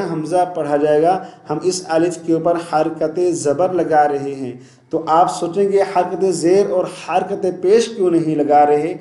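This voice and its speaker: A man teaching Quran recitation, spelling out letters and drawing out each word slowly between quick explanations. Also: a little high, warm tone, roomy sound. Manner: slow, drawn-out recitation alternating with quick explanations.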